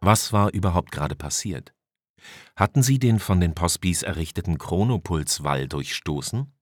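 A man reading a science fiction audiobook in an even, measured storytelling voice. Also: low-pitched, no echo, clean studio sound. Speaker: audiobook narrator. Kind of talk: scripted narration.

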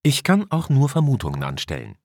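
A man voicing a measured ship scientist. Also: mid-range voice, huge pitch swings, darkish tone, dry recording, studio quality, voice pushed up. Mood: explaining. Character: male scientist, measured and explaining.

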